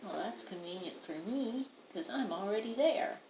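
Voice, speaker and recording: A woman playing a tabletop game, lively as she describes her character's moves. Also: mid-range voice, normal speed. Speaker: player. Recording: echoey room, faint noise.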